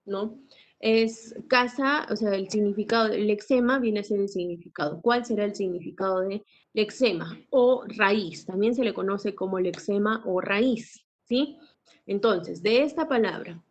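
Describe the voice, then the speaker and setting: A woman teacher lecturing a class, often asking tag questions and clearing her throat. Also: mid-range voice, moderate pace. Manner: asks frequent tag questions. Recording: dull lo-fi recording.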